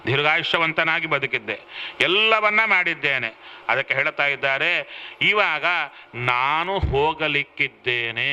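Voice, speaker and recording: A man with a Kannada accent giving a devotional discourse, chanting verses and retelling the story in lively, animated speech. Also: a little high, clean tone. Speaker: religious discourse speaker.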